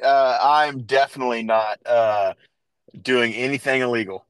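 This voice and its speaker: A man's voice: mid-range voice, steady tone, normal speed, clean tone, dry recording, rough recording. A man in his thirties hosting a casual podcast, telling a long story with restarts and fillers. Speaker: podcast host. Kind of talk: casual chat.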